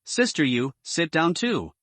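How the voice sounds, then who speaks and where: A calm young leader gently talks his companions down in a comic story recap, read by a man in his narrating voice. The tone stays fairly high and melodic, and the recording is dry and close. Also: a little slow, dry recording. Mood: soothing.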